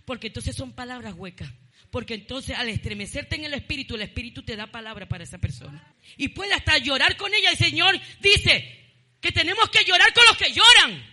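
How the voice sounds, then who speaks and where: A woman pastor delivers a fervent sermon in a bright, forceful voice. She punctuates her points with bursts of praise. At times she climbs into shouted emphasis. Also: sits high, big pitch swings, a little fast. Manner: fervent preaching, often repeating "gloria a Dios", with shouted bursts.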